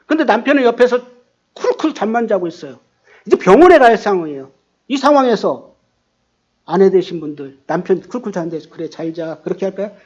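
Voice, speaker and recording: A man's voice: a little fast, dull audio. A man pastor preaching a sermon, acting out quoted lines with sudden bursts of volume. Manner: animated, acts out quotes with rising pitch and volume.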